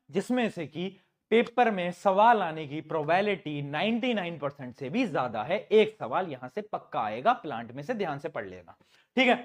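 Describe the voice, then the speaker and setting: High-voiced male teacher, playful quiz style. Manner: playful, asks questions and answers them himself; calls students "beta", mixes English terms into Hindi. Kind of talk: online exam-prep lesson.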